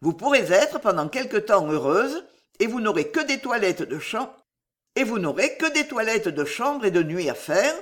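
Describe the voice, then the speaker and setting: A narrator voicing a menacing, commanding false priest in an audiobook of a classic novel, with a measured, domineering delivery. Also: mid-range voice, very animated, a bit bright. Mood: scheming.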